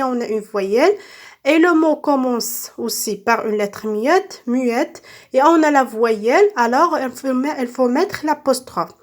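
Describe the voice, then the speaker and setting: A woman teaching a recorded grammar lesson, repeating each word slowly and often checking with her listeners. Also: high voice. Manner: slow, repeats words and checks with "d'accord?". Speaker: French teacher. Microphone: phone.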